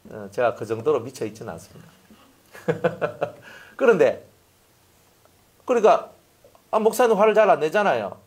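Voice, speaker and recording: A middle-aged man preaches a sermon with a husky, slightly high voice. His pitch leaps and dips as he acts out little scenes in different voices. He is lively and expressive throughout. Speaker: pastor.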